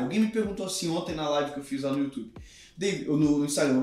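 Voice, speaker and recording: A man in his thirties, a pastor, speaking earnestly and emphatically in a podcast conversation. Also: on the high side. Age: 30s. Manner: earnest, emphatic, teaching with examples. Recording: very echoey room with music behind.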